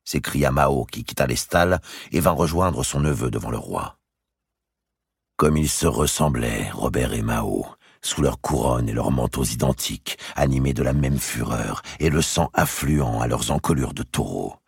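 Very deep, gravelly male narrator. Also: normal speed, no echo, studio quality. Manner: expressive, dramatic storytelling. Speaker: audiobook narrator. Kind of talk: literary narration.

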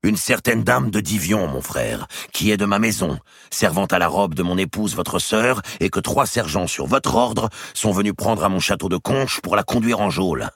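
A man voicing a proud, indignant medieval nobleman in a storybook reading, in a declamatory, forceful manner. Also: deep voice, animated, moderate pace, few pauses, breathy edge, no room sound, clean studio sound, voice pushed up, heavily acted.

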